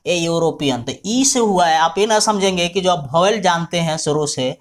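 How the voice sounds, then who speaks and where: A man's voice: high-pitched, moderate pace. A man teaching English grammar in a classroom-style lesson. He spells out words letter by letter in front of a writing board and often checks whether his students have understood.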